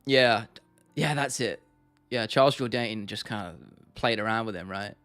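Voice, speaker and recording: A man's voice: fairly low pitch, moderate pace, fairly bright tone, no echo. Man livestreaming, close dry sound. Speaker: livestream host. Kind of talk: casual livestream chat answering viewers. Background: faint music, keyboard clicking.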